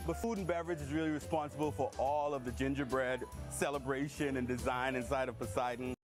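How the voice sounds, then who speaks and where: A man's voice: medium pitch, fairly even intonation, fairly quick. A man speaking as a hotel executive in interview soundbites. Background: music.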